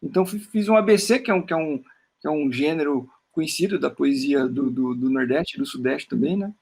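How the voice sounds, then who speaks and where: Over a video call, a Brazilian poet talks through his book in a relaxed interview, showing his work on screen. His high voice has a gravelly, husky edge, and he speaks fairly quickly. He rambles in Brazilian Portuguese, stammering repeats as he searches for words and tagging sentences with a questioning "né?".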